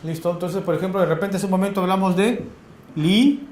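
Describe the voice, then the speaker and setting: A man with a Peruvian accent giving a classroom lecture, firing quick questions at his students in a colloquial way. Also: sits high, steady tone, darkish tone, a little hiss or hum. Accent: Peruvian Spanish. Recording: echoey classroom.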